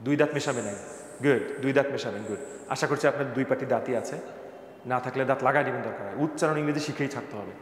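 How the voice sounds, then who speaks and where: Talking fast at a medium pitch, a male teacher runs a jokey English pronunciation lesson, calling on students by name to test them. The recording has long, echoey room reverb and faint background noise.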